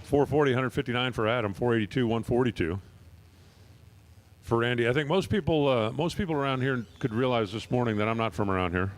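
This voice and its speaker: A man's voice: mid-range voice, a little fast, a little hiss or hum. Joking drag race announcer, a man. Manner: joking, chatty between runs. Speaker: track announcer. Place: outdoor drag strip.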